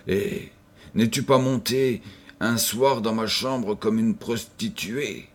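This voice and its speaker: A man reading the part of a brutal, guilt-ridden murderer in an audiobook, accusing and vehement. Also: lowish voice. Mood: frantic.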